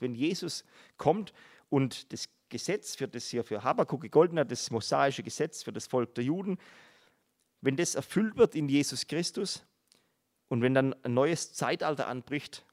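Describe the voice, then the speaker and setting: Middle-aged male preacher; earnest, explanatory Bible teaching with emphatic repetitions. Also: mid-range voice.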